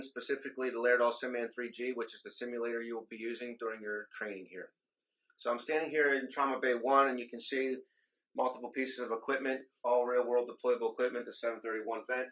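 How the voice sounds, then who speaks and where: A simulation program administrator with a medium-pitched, fairly bright voice gives a methodical instructional walkthrough of equipment in a hospital trauma bay simulation lab. He explains with occasional ums, and the recording is low quality.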